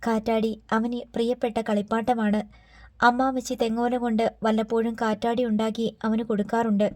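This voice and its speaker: A woman reads a story aloud for an audiobook, voicing the characters' lines within her even narration. Her voice sits a little high but sounds mellow and soft. She keeps her pitch level and unhurried throughout.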